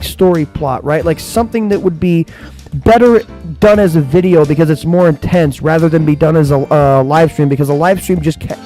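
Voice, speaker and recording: A man's voice: fairly high pitch, warm tone. A man who says w for r, giving a casual, rambling update to viewers as the streamer of a gaming channel. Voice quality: trouble pronouncing R sounds, says w for r. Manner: rambling and conversational, often checks in with "right?".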